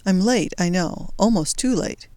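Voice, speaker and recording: A reader voicing a young male Belgian resistance fighter, brisk and determined, in an audiobook story. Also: medium pitch, animated, a little mellow, dry recording, studio quality, lightly acted. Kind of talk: audiobook character voice.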